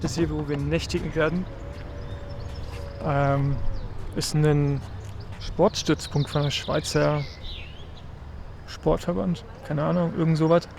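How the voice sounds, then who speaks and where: A man chatting casually to the camera in a relaxed, rambling way, with many filler sounds. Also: on the high side, slow, vocal fry, pauses often, slight background noise. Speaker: pro gravel cyclist vlogging a race trip. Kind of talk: casual vlog chat to camera.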